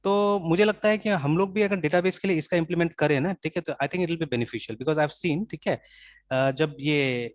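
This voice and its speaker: A man's voice: on the high side, normal speed, no echo. A man teaching an informal programming class, mixing English into his speech and checking in constantly with "theek hai". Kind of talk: informal online coding class. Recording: dull, dry lo-fi recording.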